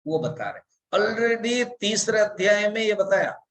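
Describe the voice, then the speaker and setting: A man, a monk, giving a scripture discourse and slowly reciting verses before explaining them. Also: high voice, expressive, a bit bright, rough recording. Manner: slow, deliberate explanation with drawn-out recited verses. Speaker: monk teacher.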